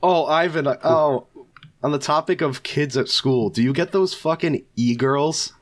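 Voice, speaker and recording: A man's voice: fairly high pitch, unhurried. A young man chatting casually as a podcast co-host, with crude, teasing, swear-heavy frat-bro slang. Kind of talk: casual chat.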